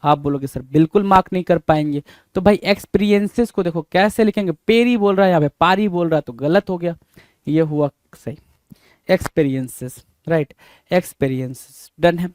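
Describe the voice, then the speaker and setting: Man, exam spelling teacher, repetitive rhetorical questions, high pitch, dry close sound. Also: brisk, darkish tone, dry recording. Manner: repetitive, rhetorical questions, calls students "bhai". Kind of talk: exam prep lesson, spelling out words letter by letter.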